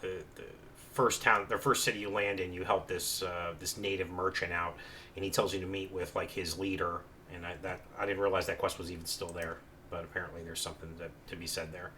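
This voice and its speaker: A man's voice: sits low, little pitch movement, brisk, bright, forceful tone, a little hiss or hum. A man casually commenting on a video game as he plays, rambling with many fillers. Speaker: gameplay commentator. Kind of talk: let's play commentary.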